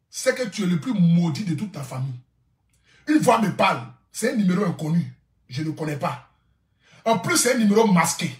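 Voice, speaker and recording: Brief: man, influencer telling a tale, lively swooping pitch, echoey room, laughs a lot. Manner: laughing often, repeats lines for effect. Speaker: social media influencer. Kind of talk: animated storytelling to camera.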